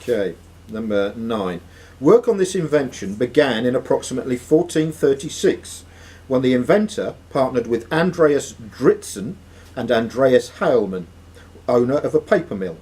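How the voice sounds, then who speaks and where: With an expressive, medium-pitched voice that is a little mellow and breathy at the edges, a man at a moderate pace reads quiz questions aloud. He is hosting the live event in a sports and social club room and ruling on the answers.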